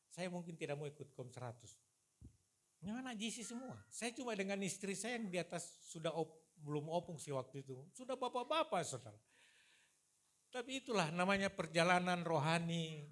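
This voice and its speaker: Animated older man preaching a testimony. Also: on the high side. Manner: storytelling, animated, addresses congregation as "saudara". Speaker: pastor. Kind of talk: sermon with personal testimony. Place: church service.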